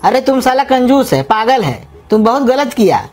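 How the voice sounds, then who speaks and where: A rude, quarrelsome young brother. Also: female voice, on the high side, very animated, normal speed, heavy background noise. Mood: quarrelling. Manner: sulky, insulting. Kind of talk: animated comedy cartoon voice. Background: music.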